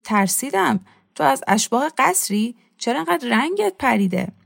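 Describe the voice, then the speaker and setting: Woman reading a lanky cheeky young guy, teasing, slightly higher, bit of fry. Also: big pitch swings, no echo, studio quality, full character voice. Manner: teasing, blunt questions. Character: cheeky, mocking young man, lanky and curious. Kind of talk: storybook reading.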